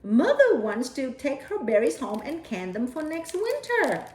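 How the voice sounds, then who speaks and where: A woman voicing a gently firm mother instructing her small daughter, in a picture-book read-aloud. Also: high voice, wildly swooping pitch, measured pace, slight background noise, pitched above the performer's own voice, heavily acted. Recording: roomy echo.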